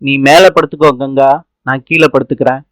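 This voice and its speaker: A man's voice: mid-range voice, level tone, a little fast, no echo, close to an everyday voice. A man reading a shy loving husband. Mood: pleading. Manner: pleading, gentle. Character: shy affectionate young husband. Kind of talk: serial recap narration.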